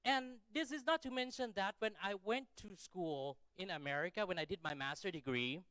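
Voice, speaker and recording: Keynote speaker: middle-aged man, Thai accent, slightly high clean voice, informal and self-deprecating delivery. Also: moderate pace, bright, forceful tone, clear, resonant tone, dry recording, clean studio sound. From Thailand. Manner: self-deprecating, checks in with listeners using rhetorical questions. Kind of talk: conference keynote speech, conversational and informal.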